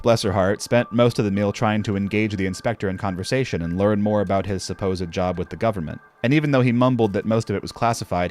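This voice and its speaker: Deep-voiced man narrating a horror story. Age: older. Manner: wry, conversational, profane.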